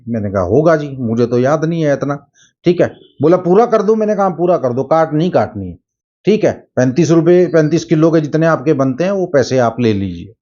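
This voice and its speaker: Middle-aged male storyteller, chatty retold dialogue, warm tone, muffled home recording. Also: fairly high pitch. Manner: retells dialogue, many filler phrases. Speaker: dream-telling video host. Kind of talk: casual spoken storytelling. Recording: dull lo-fi sound.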